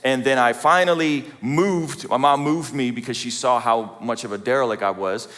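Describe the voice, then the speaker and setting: A man in his forties from Azerbaijan shares a joking, self-deprecating story with a live audience. His voice sits at a middle pitch. It carries a long reverb from a large hall. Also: normal speed, fairly bright tone. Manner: conversational, self-deprecating, asks the audience questions. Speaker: speaker at a church event. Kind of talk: humorous personal testimony talk.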